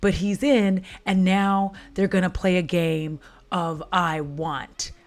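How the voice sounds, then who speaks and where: A woman's voice: fairly low pitch, little pitch movement, takes it slowly. A woman casually recapping a film at home while doing her makeup, chatty and dramatic, with frequent profane asides. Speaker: vlogger retelling a film.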